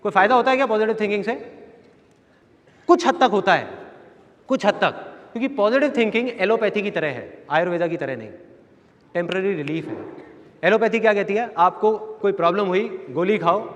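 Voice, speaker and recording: A high, expressive male voice runs a little fast, broken by long pauses, in this motivational seminar talk. He narrates stories, performs the voices of the people in them, and repeats his central phrases, all within a long reverberant hall with a faint audience.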